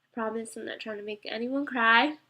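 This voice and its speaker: A young woman vlogger telling a painful personal story to camera, halting with many fillers and emotional at times. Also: a little high, fairly even intonation, sharp tone.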